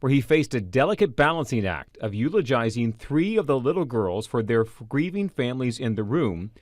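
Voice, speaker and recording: A man reading a scripted radio news feature in a solemn, measured manner. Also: mid-range voice, very animated, darkish tone, no room sound, clean studio sound. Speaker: reporter and narrator.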